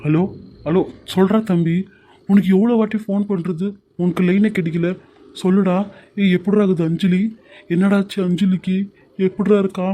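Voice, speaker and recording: A man voicing a hot-tempered grown son and husband in a cartoon serial, gruff and commanding. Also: sits high, steady tone, moderate pace, pauses often, mellow, close to an everyday voice. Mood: anxious. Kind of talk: Tamil cartoon serial voice acting.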